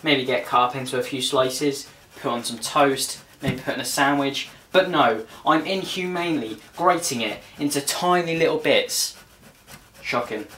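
At a moderate pace and with a sharp tone, a young man in a mid-range voice playfully narrates his home cooking vlog. A nearby home camera in his small kitchen records him along with clearly audible background noise.

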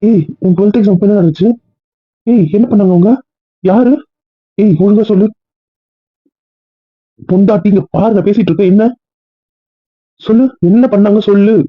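A man playing a jealous, short-tempered young husband on a phone call, talking in a demanding, nagging way with a husky voice. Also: high voice, steady tone, normal speed, long pauses. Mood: angry. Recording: tinny phone line.

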